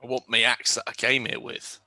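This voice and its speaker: Guy doing a grumpy dwarf fighter for a tabletop game, gravelly n really harsh bright edge, blunt. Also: mid-range voice, little pitch movement, brisk, no echo. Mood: gruff, proud. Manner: dwarf voice, blunt short retorts. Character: gruff, proud, surly male dwarf warrior. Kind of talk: tabletop role-play in character.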